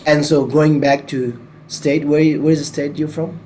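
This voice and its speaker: A man's voice: on the high side, level tone, moderate pace, mellow, slight background noise. A man hosting a podcast in casual chat, repeating words and phrasing things loosely. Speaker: podcast host.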